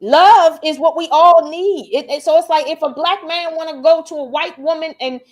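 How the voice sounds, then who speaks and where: A woman hosting a casual reaction chat, talking in a blunt, profane and animated way. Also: very high voice, normal speed. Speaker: host.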